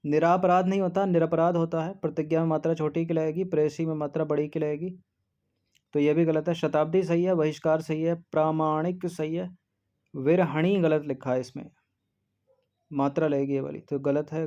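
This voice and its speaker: Flat, methodical male Hindi tutor. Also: fairly high pitch, normal speed. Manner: methodical, reads options aloud and eliminates them one by one. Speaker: exam-prep teacher. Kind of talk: explaining a Hindi test paper. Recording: dull lo-fi recording.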